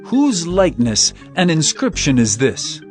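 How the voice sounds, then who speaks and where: Faint music plays behind a male actor whose fairly high voice brings Jesus to life as a calm teacher with authority. The scripture dramatization is delivered slowly and solemnly.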